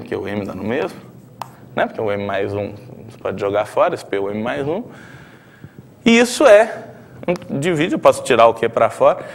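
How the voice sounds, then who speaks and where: A man's voice: mid-range voice, a little hiss or hum. A middle-aged man with a Brazilian Portuguese accent, a math professor working through a proof and checking in with tag questions. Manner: explanatory, frequent tag questions, thinking aloud at the board. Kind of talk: blackboard math lecture.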